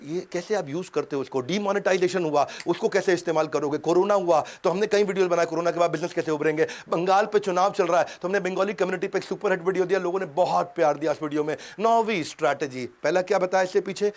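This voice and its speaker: A middle-aged motivational coach with a high, ringing voice. He talks in punchy, rhythmic bursts and drops suddenly to a hush to land a point. He slips in little sound effects and mimicked voices as he goes. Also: quick pace, hardly any pauses. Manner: punchy, rhythmic delivery with sudden jumps from loud to hushed. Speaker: motivational speaker and business coach. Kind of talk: energetic Hindi seminar talk mixed with English.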